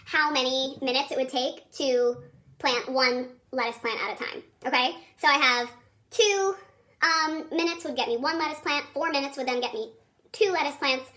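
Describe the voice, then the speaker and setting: An elementary school teacher talks in a very high, squeaky chipmunk voice, as if she has inhaled helium, with a bright, sharp tone. She leads a children's video lesson at normal speed with fairly even intonation, chatty, informal and encouraging.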